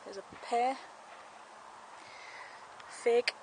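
A woman with a fairly high, steady voice draws out her words in a slightly mellow tone as she gives a casual, homely walking tour of her allotment garden. She chats and explains while filming outdoors on a handheld camera, staying off screen. The low-quality camera audio carries clear background noise.

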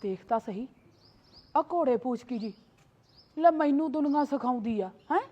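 A woman playing a proud, sharp-tongued young wife. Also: high-pitched, animated, moderate pace, lo-fi sound. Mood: scornful. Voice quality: scolding, full of sayings. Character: proud, sharp-tongued young married woman, defiant toward her sly sister-in-law. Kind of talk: short family drama.

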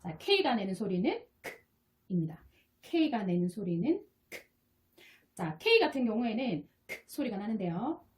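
A woman's voice: medium pitch, sing-song, slow, long pauses, a little hiss or hum. A woman teaching English phonics, explaining patiently step by step and repeating each sound. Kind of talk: explaining lesson. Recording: soft guitar music behind. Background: quiet guitar music.

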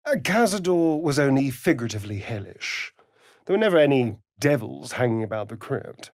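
Theatrical, swooping sardonic vampire rogue Astarion. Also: male voice, medium pitch, very animated, fairly quick, no echo, clean studio sound. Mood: arch, playful. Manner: arch, drawling, flamboyant delivery. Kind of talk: theatrical fantasy video game voice acting.

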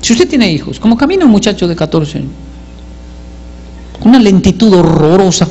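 A man doing stand-up storytelling, animated and self-mocking, acting out the voices of his family. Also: sits high, fairly quick, long reverb tail, highs cut off, slight background noise. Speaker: comedian.

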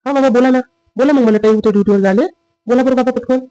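A man playing a dutiful husband and son in a family drama skit, with a rapid, lecturing manner. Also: extremely high pitch, steady tone, warm tone, no echo, muffled recording.

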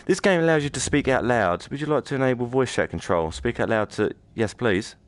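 A man's voice: mid-range voice, animated, fairly quick. A man giving chatty, joking live commentary while streaming a horror game. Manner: chatty, joking, reads game lines aloud. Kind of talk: live let's-play commentary.

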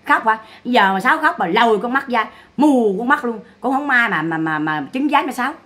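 A woman's voice: on the high side, expressive, brisk, a bit bright. A woman giving mocking, scolding gossip commentary. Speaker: online commentator.

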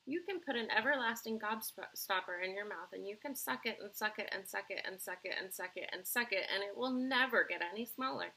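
A woman reading aloud voices an excitable, eccentric grown man who makes candy, speaking in eager, emphatic exclamations with a gravelly edge. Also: medium pitch, brisk, hardly any pauses, low-quality recording. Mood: excited.

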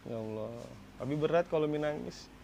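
A man filming a prank on his wife at home, speaking tenderly and coaxing, then turning loud and laughing. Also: on the high side, a little fast, creaky, dull audio, slight background noise. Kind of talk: casual home prank vlog.

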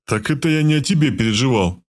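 Guy playing a big bearded mocking bruiser, rough teasing talk, audiobook. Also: mid-range voice, lively intonation, quick pace, lightly acted. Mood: blunt.

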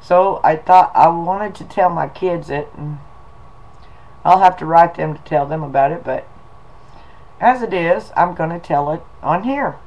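A man talking casually to viewers and telling a folksy story in an unhurried, drawling way. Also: fairly high pitch, darkish tone, highs cut off. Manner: folksy, slow, drawling delivery with y'all and 'em. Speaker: video blogger.

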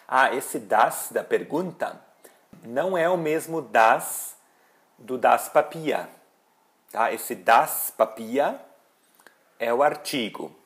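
A male teacher talking in a very slow, measured way. His voice sits at a middle pitch. He carefully spells out example phrases for his students. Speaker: German teacher. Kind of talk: language lesson.

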